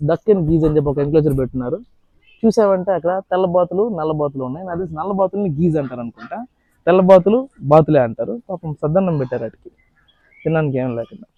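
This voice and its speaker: A man's voice: high voice, dry recording, muffled recording. A man vlogging casually at an outdoor animal park, chatting playfully to the animals. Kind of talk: casual vlog narration.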